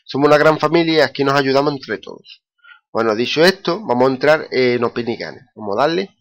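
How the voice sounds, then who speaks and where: A man's voice: medium pitch, animated, fairly quick. Guy doing a screen tutorial voiceover, lots of eh's, keeps saying it's really important. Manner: repetitive, many "eh" fillers, stresses "muy importante". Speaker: blogger explaining paid survey sign-up. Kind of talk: screen-recorded tutorial walkthrough.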